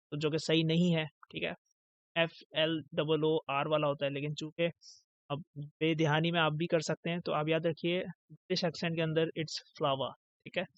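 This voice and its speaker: A man's voice: a little high, gravelly, no echo. A man teaching English in a recorded lecture, explaining patiently and answering his own questions. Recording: dull lo-fi dry recording.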